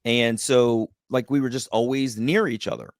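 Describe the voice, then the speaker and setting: A man telling a personal story as a podcast guest, lively and acting out the voices of the people in it. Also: mid-range voice, moderate pace, no echo, clean studio sound. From United States. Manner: animated, acts out quoted voices. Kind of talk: storytelling in a casual interview.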